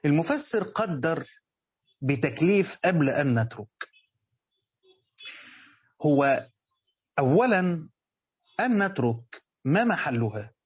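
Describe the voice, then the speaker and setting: A man's voice: a little high, very animated, slow, long pauses, breathy edge, dry recording, dull audio. A man with an Egyptian Arabic accent teaching a Quran commentary lesson. He asks his students questions and then answers them himself. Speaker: religious teacher.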